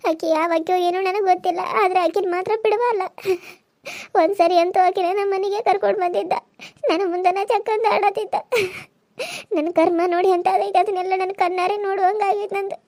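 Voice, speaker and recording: A woman's voice: extremely high pitch, steady tone, fairly quick, a little mellow. A woman voicing a wronged young village wife in a cartoon serial, with a North Karnataka Kannada accent, pleading and tearful. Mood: aggrieved.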